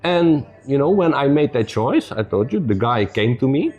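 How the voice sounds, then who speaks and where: A man telling stories as a podcast guest in loose, non-native English with many "you know"s, relaxed and upbeat. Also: mid-range voice, normal speed, muffled recording, soft background music. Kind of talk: casual storytelling conversation.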